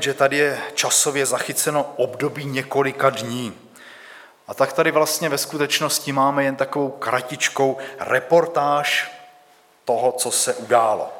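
Male preacher, mid-pitched, measured delivery, long church-hall reverb. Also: fairly bright tone. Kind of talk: scripture reading and sermon.

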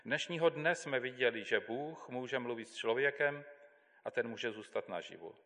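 A man giving a measured, deliberate Bible reading as a scripture reader in a church. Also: medium pitch, a bit bright. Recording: long hall reverb.

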